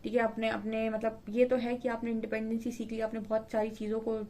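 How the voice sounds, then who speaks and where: A woman reads tarot cards for her viewers in an easy, conversational way. Her voice sits a little high and stays quite level, with little rise and fall. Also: completely flat delivery, fairly quick, dark tone. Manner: conversational, explaining card meanings to viewers. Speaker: tarot reader. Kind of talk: tarot reading monologue.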